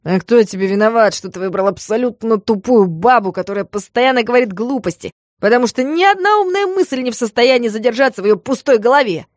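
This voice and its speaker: A woman voicing an angry, hysterical young man who talks loud and bitter, in a dry reading. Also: medium pitch, fairly quick, no room sound, natural voice. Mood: furious.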